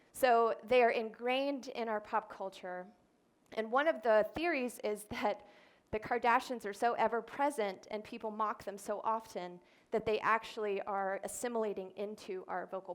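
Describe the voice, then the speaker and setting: Woman, speech therapist, stage talk, explanatory, fairly high voice. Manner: explanatory, demonstrates voice sounds. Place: event stage before an audience.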